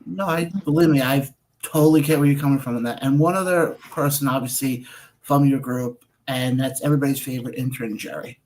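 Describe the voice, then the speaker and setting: A man with an average-pitched voice hosts a radio interview show. He chats easily, asks his guest questions, and tells anecdotes with quoted back-and-forth. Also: steady tone, fairly quick, a little mellow, a little hiss or hum, rough recording. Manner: chatty, telling stories with quoted dialogue. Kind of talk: casual interview talk.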